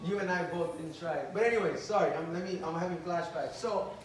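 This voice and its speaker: A man's voice: on the high side, a little fast, a crowd in the background. A man preaching to a youth service, joking and acting out little scenes, switching between English and Spanish. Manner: playful, joking, acts out dialogue. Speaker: youth pastor. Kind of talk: bilingual youth sermon. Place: church hall. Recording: echoey church hall from far off.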